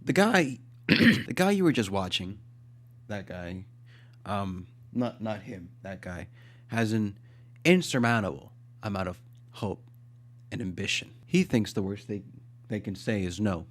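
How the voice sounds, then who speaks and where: A man hosting a vlog, acting out a comic skit and then talking quietly and reflectively. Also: on the low side, measured pace, pauses often. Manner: animated comic skit delivery, shouting out names. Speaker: YouTuber. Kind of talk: comedic vlog monologue.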